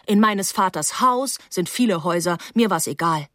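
A woman reading a novel aloud on the radio in a measured, expressive way, close to a studio mic. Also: lowish voice, dry recording. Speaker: audiobook reader.

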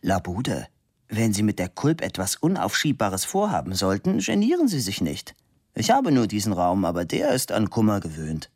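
Man doing a brusque woman sculptor, high barked commands, sharp-tongued, lively swings. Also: normal speed, no echo, studio quality, exaggerated voice. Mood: gruff. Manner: commanding, barking orders.

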